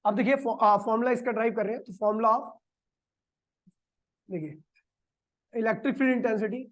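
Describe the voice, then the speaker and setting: A man with a notably high voice teaches physics to a room of students. He keeps asking short questions and answering them in the same breath. At times he slows to a crawl to dictate a definition. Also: fairly bright tone. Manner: quizzes the class and answers his own questions. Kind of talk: classroom lecture. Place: classroom with a board.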